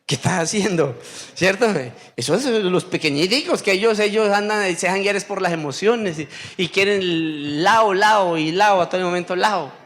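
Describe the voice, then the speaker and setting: A man, a pastor preaching a sermon, asking the congregation questions and stretching out the answers. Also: fairly bright tone. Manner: call-and-response questioning, drawn-out answers; acts out whiny voices in a high squeak.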